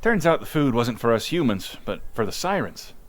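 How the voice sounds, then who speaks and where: At normal speed and medium pitch, close to his everyday voice, a man voices a chatty young villager in a conversational roleplay about sea monster tales. He sounds animated and wry, rambling informally through his witness account with hesitations.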